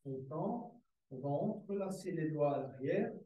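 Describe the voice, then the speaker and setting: A man teaching a guided yoga class, giving calm, slow step-by-step breathing cues with soft repeated words. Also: fairly high pitch, dull audio. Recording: very echoey room, mic far away.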